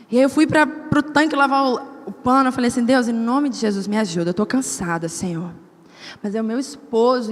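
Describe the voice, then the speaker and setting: A woman preaching a sermon at a women's service, telling personal stories in an animated way and acting out the dialogue. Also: high voice. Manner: animated storytelling, acts out quoted dialogue. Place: church hall. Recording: church hall with long reverb.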